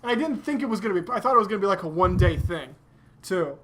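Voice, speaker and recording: Woman co-host, profane animated ranting, noisy background hiss. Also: mid-range voice, rapid-fire. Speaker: anime discussion podcast co-host. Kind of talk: casual chat.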